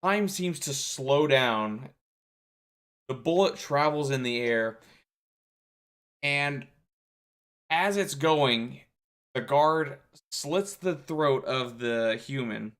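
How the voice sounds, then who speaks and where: A young man runs a tabletop game, narrating the scene and calling for rolls. He talks in a halting way, full of fillers and restarts, at a middling pitch. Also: lively intonation, fairly bright tone. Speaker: game master.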